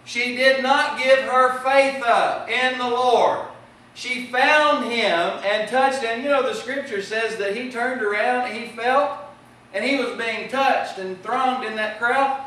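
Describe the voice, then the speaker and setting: A man's voice: very high-pitched, takes it slowly, pushed and bright, heavy reverb, far from the mic, low-quality recording. A man preaching a sermon with impassioned delivery that rises and falls in volume. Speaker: pastor. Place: church sanctuary.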